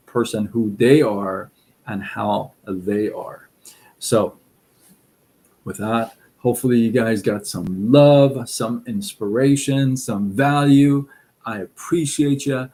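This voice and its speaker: On a casual advice live stream, a middle-aged Iranian man with a Persian accent rambles in a relaxed way, full of fillers and restarts. His pitch is fairly low, and the recording is rough.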